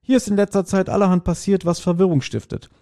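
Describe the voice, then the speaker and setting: A man voicing a gruff, sour middle-aged doctor while reading a book passage aloud. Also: high voice, fairly even intonation, fast, warm tone, no echo, studio quality, voice pushed up.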